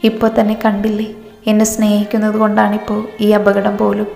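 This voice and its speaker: A woman's voice: medium pitch, completely flat delivery, fairly quick, creaky, dark tone, lightly acted. A woman voicing a tearful young woman who is afraid of losing the one she loves, speaking in a strained, pleading way in a storybook reading. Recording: roomy reverb with faint music.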